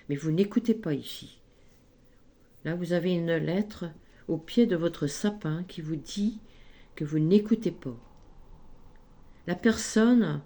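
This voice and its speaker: Slow, mellow-voiced woman reading cards. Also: fairly low pitch. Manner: slow, gentle, encouraging, frequent "hein" and "ici". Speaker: tarot card reader. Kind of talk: spoken card reading guidance.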